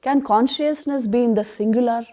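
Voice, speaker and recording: A woman giving a spiritual retreat class on scripture, emphatic, asking rhetorical questions and answering them, and chanting verses slowly. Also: fairly high pitch, dark tone. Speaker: spiritual teacher.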